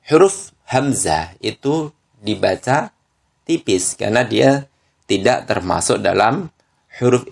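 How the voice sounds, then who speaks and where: A man teaching Quran recitation rules, slow and patient, tagging each point with a short "ya" and sounding the examples out aloud. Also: lowish voice, vocal fry. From Indonesia. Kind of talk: tajwid lesson.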